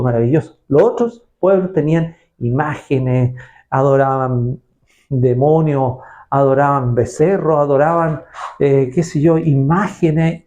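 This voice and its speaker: Man preaching, lots of rhetorical questions, mellow dark tone, dull lo-fi audio. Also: a little high. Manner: rhetorical questions, repeats words and checks the listeners. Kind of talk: sermon.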